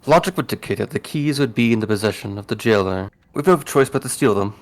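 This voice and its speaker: A man's voice: lowish voice, fast, lightly acted. A man voicing a cautious, haughty tactician with formal, precise wording in a game read-aloud. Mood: cool.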